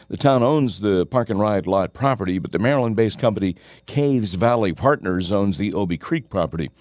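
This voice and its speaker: A man's voice: fairly low pitch, darkish tone, no echo, studio quality. A man anchoring radio news, reading scripted local stories.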